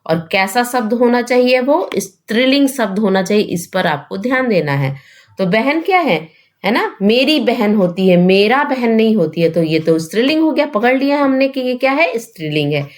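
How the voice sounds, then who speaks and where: A woman's voice: fairly high pitch, sing-song, moderate pace. Woman teaching grammar, asks and answers herself. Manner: explains step by step, asks and answers her own questions, often adds a tag question. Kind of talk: exam-prep grammar lesson.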